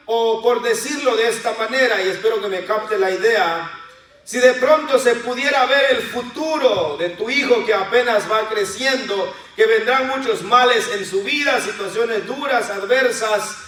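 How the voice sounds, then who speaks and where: A man preaches to his congregation in a high voice and keeps turning to them with questions. He is heard from a distance, and his words ring out in a very echoey hall. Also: a little slow, fairly bright tone. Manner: addresses the congregation as brothers and sisters, with questions to the listeners; acts out voices of children and believers in quotes. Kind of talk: sermon.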